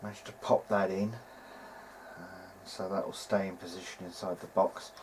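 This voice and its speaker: A hobbyist radio restorer, presenting, gives informal commentary at his workbench, thinking aloud hesitantly. His voice is deep and his pace normal. The recording is rough, with clear, steady background noise.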